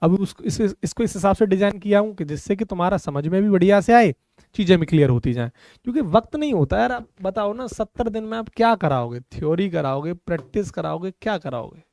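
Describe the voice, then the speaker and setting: High-voiced man teaching physics. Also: expressive, brisk, vocal fry, darkish tone, no echo. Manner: addresses students as beta, explains step by step. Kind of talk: online class lecture.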